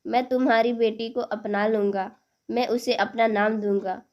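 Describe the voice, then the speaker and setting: A woman's voice: fairly high pitch, fairly even intonation, moderate pace, darkish tone, lightly acted. A woman doing an earnest man proposing. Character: earnest man begging a widow to marry him.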